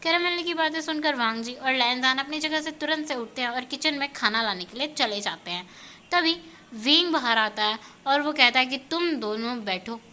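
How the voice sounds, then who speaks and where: A woman narrates fan fiction in a lively storybook way. Her voice is high and bright, with a crisp, forceful edge. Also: moderate pace, slight background noise.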